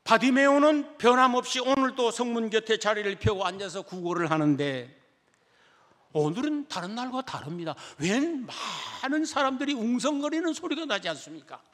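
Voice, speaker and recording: Male pastor, high voice, dramatic sermon style, soft to loud; recorded in a reverberant church sanctuary. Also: lively intonation, normal speed. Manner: dramatic preaching, swinging between soft and loud.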